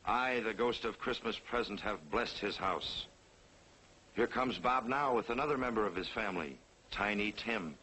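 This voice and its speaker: An actor playing a solemn ghostly spirit guide in a 1940s television drama, speaking in a measured, declamatory way. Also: male voice, fairly low pitch, slight background noise, low-quality recording. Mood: solemn, showing. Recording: old 1940s TV soundtrack, loud music.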